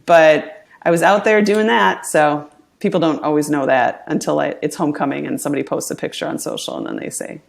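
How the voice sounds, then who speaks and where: A middle-aged woman chatting as a podcast guest, upbeat and quick to laugh as she tells stories. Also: low voice, vocal fry. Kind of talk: casual interview chat.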